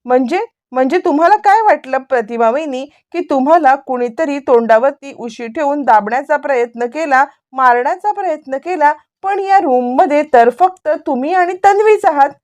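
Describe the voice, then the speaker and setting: A cautious sister-in-law who reasons point by point with hesitant restarts, voiced by a woman narrator. Her tone is fairly high and plain, close to the teller's own. The careful, halting logic carries the role. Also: a little mellow, lightly acted.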